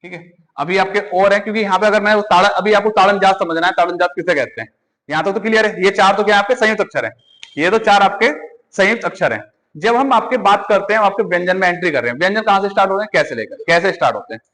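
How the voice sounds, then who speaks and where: Male teacher, high voice, quizzes and repeats in a reverberant hall. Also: quick pace, a bit bright. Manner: quizzing students, repeating answers. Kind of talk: classroom lecture.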